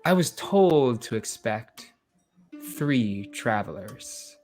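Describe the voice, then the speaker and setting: A man voicing a calm, mysterious mystic stallkeeper in a tabletop game, speaking slowly, solemnly and deliberately. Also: medium pitch, soft background music. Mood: welcoming, mysterious.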